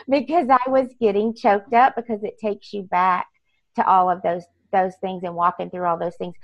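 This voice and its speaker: A woman talks earnestly about her work as an interview guest, stringing her points together in long run-on lists. Her voice has a gravelly fry to it, and the recording sounds dry and a little dull. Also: on the low side, no echo. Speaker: author guest. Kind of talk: casual interview talk.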